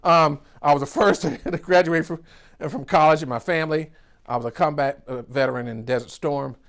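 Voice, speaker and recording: A business coach in his fifties from Georgia, USA, delivers an exuberant, preacher-like motivational keynote in a Southern accent, with whoops and a constant "right?" tag on his lines. His voice is a little high and a bit bright, fairly quick, with vocal fry.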